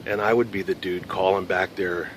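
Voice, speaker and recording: A man's voice: low voice, fairly even intonation, normal speed. Middle-aged man, former patrol officer; loose, profane storyteller; noisy recording. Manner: profane, rambling, conversational. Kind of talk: casual storytelling.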